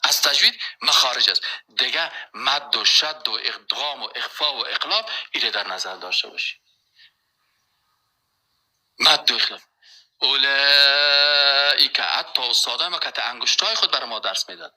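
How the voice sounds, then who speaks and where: A man giving a religious lecture as a preacher, slowly reciting verses and then rising into emphatic, insistent points. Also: mid-range voice, animated, pushed and bright, poor audio.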